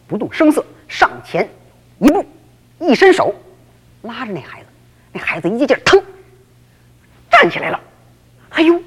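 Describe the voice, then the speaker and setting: A woman telling a story in the traditional oral manner, lively and full of exclamations. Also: high-pitched, slightly rough. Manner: lively, exclamatory, many interjections. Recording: long reverb.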